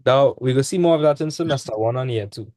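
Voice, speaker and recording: A young man leads a relaxed online maths tutoring session via video call, speaking in dialect with a laid-back, casual style. He talks at a quick pace in a mellow, medium-pitched voice, and the recording is dry.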